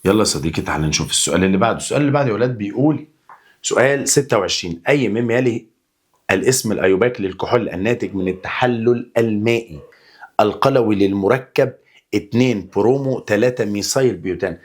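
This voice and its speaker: A man's voice: lowish voice, racing. A young man with an Egyptian accent, teaching a chemistry exam review in a chatty, coaxing way, answering his own questions as if he were the student. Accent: Egyptian Arabic. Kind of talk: energetic exam-review lesson.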